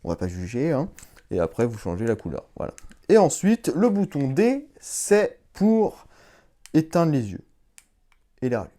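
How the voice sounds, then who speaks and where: Lively casual man demoing a gadget. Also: mid-range voice. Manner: chatty, hands-on, swears casually; slow, effortful English voice commands. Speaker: YouTuber reviewing a collectible. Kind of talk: casual product demo.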